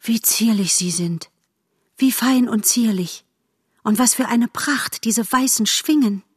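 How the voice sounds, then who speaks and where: A woman's voice: medium pitch, lively intonation, normal speed, no room sound, studio quality, close to an everyday voice. Woman doing a shy, eager young fawn. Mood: admiring. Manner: eager, modest and bright. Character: young male fawn, shy, polite and wide-eyed.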